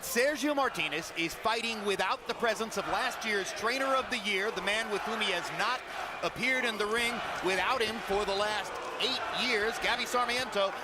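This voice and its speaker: A man calling a boxing broadcast as lead commentator, with articulate, measured phrasing and emphatic stresses. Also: sits high. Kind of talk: live sports commentary. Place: ringside in a boxing arena. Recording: very loud arena noise behind.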